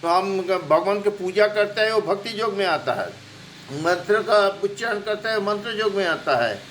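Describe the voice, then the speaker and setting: A man teaching about yoga in an unscripted spoken lecture, halting often with fillers and restarts as he lists terms one by one. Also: sits high, animated, fairly bright tone, a little hiss or hum.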